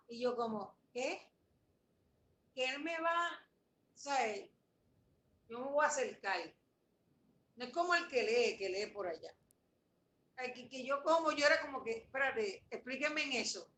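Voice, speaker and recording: A woman, a guest in an interview, telling an emotional story in an animated way and repeating phrases for emphasis. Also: sits high. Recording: echoey room with faint noise.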